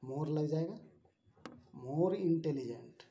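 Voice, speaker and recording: A man's voice: fairly high pitch, slow, warm tone. A male English teacher giving a grammar lesson, spelling words out letter by letter and repeating each form.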